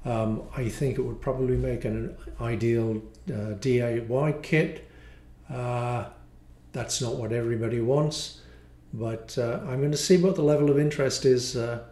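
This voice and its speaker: In his sixties, this technical presenter and module designer demos his product in a somewhat improvised, hesitant way. His warm, medium-pitched voice stays fairly even and a little slow, bouncing off the walls of a small, echoey home studio.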